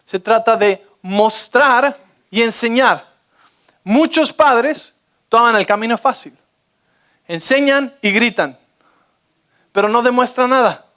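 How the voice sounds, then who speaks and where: High-voiced pastor preaching. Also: male voice, slow pace, pauses often. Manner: energetic, keeps checking in with the audience. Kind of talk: sermon.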